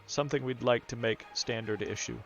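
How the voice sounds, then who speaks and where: A man's voice: medium pitch, steady tone, a little fast, gravelly, highs cut off, close to an everyday voice. A man voicing a polite male botanical researcher, reading the game text aloud in a courteous manner. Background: game music.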